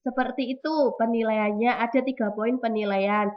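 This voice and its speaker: A woman teacher giving an online class lesson over a video call, explaining slowly and repeating key terms. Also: a little high, steady tone. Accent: Indonesian. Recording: dull lo-fi audio with clear noise.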